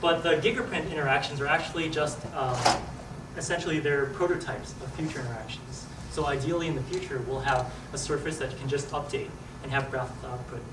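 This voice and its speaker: A man's voice: medium pitch, fairly even intonation, a little fast. A man answering questions at his academic thesis defense in a hesitant, hedging manner. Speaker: PhD candidate presenting thesis defense. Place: large room with an audience. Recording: echoey room, distant mic, clear background noise.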